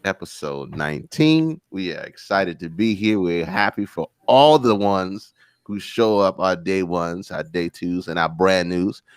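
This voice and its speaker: Deep-voiced, upbeat male podcast host. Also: unhurried, clean tone, no room sound, studio quality. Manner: upbeat and hyped, laughs easily. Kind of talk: casual podcast chat.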